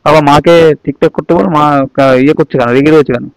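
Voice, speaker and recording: A man, pleading and apologizing in a casual home vlog. His fairly high voice has a gravelly edge, recorded dry with little room sound. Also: fairly even intonation, quick pace, no echo, poor audio. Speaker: vlogger, husband.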